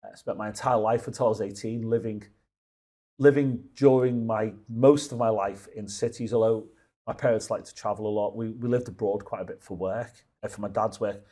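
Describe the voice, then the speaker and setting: Brisk and mellow, with a fairly low, steady voice, a man in his fifties from Liverpool, England, rambles through stories during a casual conversational interview as a guest, often starting over.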